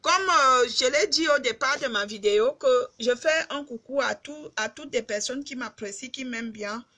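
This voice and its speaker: A middle-aged Cameroonian woman with a Cameroonian accent chats casually to her fans on a live video stream, speaking emphatically, repeating herself, and addressing them directly. Her voice is high-pitched, bright, and forceful, at a normal speed.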